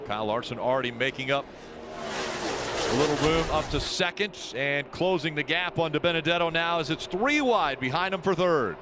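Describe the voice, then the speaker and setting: A man's voice: a little high, animated, normal speed. A man calling live motorsport play-by-play as the announcer, with track noise behind him. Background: race cars and outdoor track noise.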